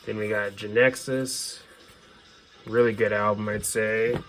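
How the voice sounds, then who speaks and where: Faint music plays behind a man presenting his music collection as a casual show-and-tell. He speaks at a measured pace in a low, slightly bright voice with little pitch movement, sounding like an informal, opinionated fan.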